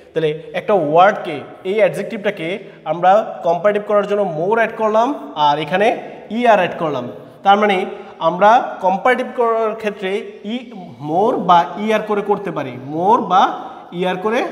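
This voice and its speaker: High-voiced teacher in an echoey room. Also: male voice. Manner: slow, explanatory, spells words letter by letter. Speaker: English teacher. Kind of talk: classroom grammar lesson. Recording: echoey room with long reverb.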